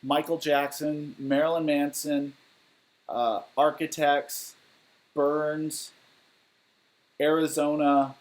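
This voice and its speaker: A man in his thirties from Southern California hosts a laid-back livestream Q&A as a musician, reading viewer questions in a candid, matter-of-fact, rambling way full of fillers. His voice is fairly high and level, and he speaks slowly with long pauses. He's in his living room at home, and the rough audio comes from a webcam or laptop mic at his desk.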